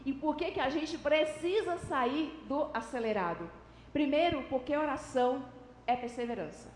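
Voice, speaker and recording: A woman's voice: high-pitched, lively intonation, moderate pace, a little hiss or hum. A woman preaching a sermon to a congregation, explaining scripture and acting out everyday examples with shifting intonation. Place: church hall. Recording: echoey church hall with long reverb.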